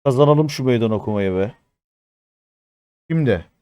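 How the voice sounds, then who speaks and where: A man in his thirties doing live-stream commentary as a mobile game streamer, excitable and chatty with his viewers, swearing often. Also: medium pitch, normal speed, clear, resonant tone, no room sound. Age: 30s.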